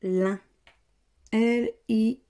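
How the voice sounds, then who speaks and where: This French-accented scratch-card vlogger has a mellow voice on the high side, and her tone stays steady. She murmurs slowly through her lottery tickets, casually remarking on them and naming the letters one after another.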